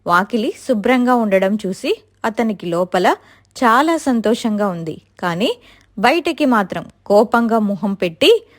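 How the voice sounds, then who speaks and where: A woman telling a family story in steady, expressive scripted narration. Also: medium pitch, a little slow.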